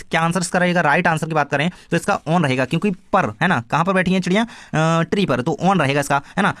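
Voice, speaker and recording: A young man, a teacher, going step by step through the answers of an exam paper and reading each question aloud slowly. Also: fairly high pitch, fairly bright tone, no echo, clean studio sound. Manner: explains step by step, reads questions slowly, repeats "है ना".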